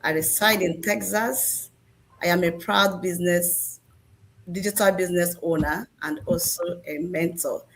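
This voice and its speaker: A woman's voice: on the low side, steady tone, measured pace. A woman from Nigeria, a registered nurse, introducing herself with proper, formal phrasing.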